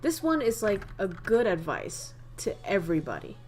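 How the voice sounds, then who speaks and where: This young northern Vietnamese woman, with a Vietnamese accent, chats on a livestream and teaches idioms over faint background music. Her mid-range, darkish voice is very animated and moves at a normal speed. She laughs often, keeps up a chatty flow and reads the chat aloud.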